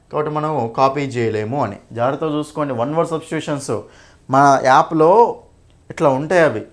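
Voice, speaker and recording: A young man teaching an English exam-prep lesson, repeating points and checking in with "okay?" often. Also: a little high.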